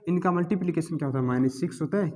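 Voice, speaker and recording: A man's voice: fairly high pitch, racing, darkish tone, a little hiss or hum. A male math teacher, giving a classroom lecture and constantly asking and answering his own questions. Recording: long hall reverb.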